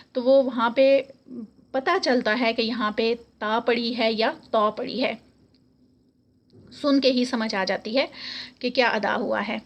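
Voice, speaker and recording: A woman teaching an online Quran recitation lesson, patiently repeating each letter sound slowly. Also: a little high.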